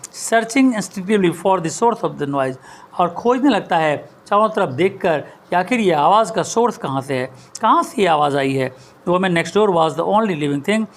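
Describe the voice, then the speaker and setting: A man teaching a lesson, reading English lines of a story slowly and then explaining them in Hindi. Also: high voice. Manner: lively, expressive storytelling.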